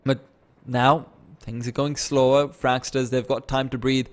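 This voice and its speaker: A man with a medium-pitched voice gives fast play-by-play commentary on an esports match. He gets excited on big plays and throws in self-deprecating asides.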